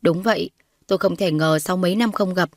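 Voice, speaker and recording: A woman with a fairly low voice reads a story aloud a little fast, voicing every character's lines herself in her own voice and rising when characters shout. It's scripted narration with voiced dialogue, recorded dry with clean studio sound.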